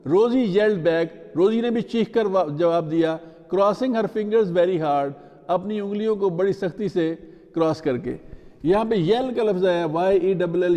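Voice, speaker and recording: Slow, high-voiced man reading aloud in a hall. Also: mellow. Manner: reads slowly, spells words letter by letter. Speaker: English teacher reading a storybook. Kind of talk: slow read-aloud with line-by-line translation and spelling. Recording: long hall reverb.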